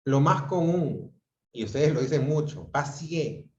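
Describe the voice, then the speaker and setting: A man's voice: on the high side, animated, measured pace. A man teaching an online class, explaining patiently and often checking in with his students. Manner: explanatory, asks the class frequent checking questions. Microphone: computer mic on a video call. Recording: dull, roomy video-call audio.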